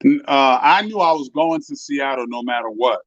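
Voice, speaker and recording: A man's voice: medium pitch, normal speed, a bit bright, dry recording. Man coming through a video call. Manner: easygoing, rambling storyteller. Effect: heard over a video call with a spotty connection. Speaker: former pro basketball player turned coach, guest. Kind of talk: casual interview chat. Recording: dull lo-fi video call audio, dry.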